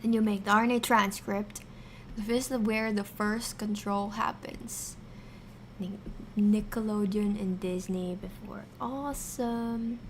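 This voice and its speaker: A woman hosting a casual livestream science lesson, thinking aloud haltingly and repeating key terms as she chats with viewers. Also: mid-range voice, steady tone, slight background noise. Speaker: science streamer, virtual avatar host.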